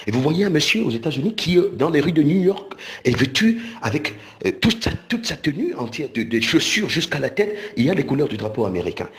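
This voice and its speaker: Lively preacher man. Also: a little high. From Cameroon. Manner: animated, repeats and restarts words, stretches of slow emphasis. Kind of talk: recorded sermon.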